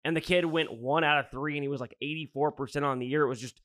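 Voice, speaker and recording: A man's voice: a little high, fast talker, no echo, studio quality. Blunt, profane man talking sports. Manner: blunt, profane, animated storytelling. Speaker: podcast co-host. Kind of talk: casual sports podcast chat.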